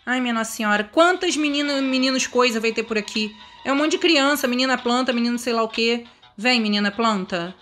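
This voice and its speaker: A woman with a Brazilian Portuguese accent giving excitable let's-play commentary, full of dramatic exclamations and asides to her viewers. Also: fairly high pitch, a little fast, soft background music. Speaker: gaming video creator.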